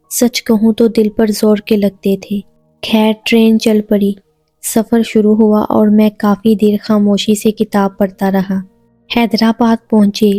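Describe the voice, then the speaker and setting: A woman narrating a first-person romantic audio story in an even, unhurried reading voice. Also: medium pitch, dry recording.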